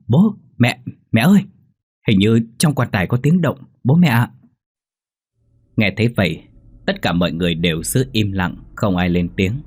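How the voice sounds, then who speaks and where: Man, deep voice, husky, ghost story narration. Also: darkish tone.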